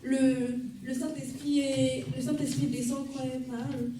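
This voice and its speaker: A woman's voice: high-pitched, level tone, moderate pace, mellow, lightly acted. A young woman playing a churchwoman who sweeps and feels overlooked, hesitant and plaintive, in an amateur church sketch. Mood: worried. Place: church hall. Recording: echoey church hall, distant mic.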